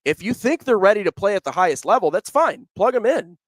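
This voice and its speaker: A man's voice: high-pitched, very animated, brisk, no room sound. A man hosting a sports podcast in casual talk, rambling a little as he reads listener comments. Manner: conversational, many fillers and restarts, reads out comments. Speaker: podcast host.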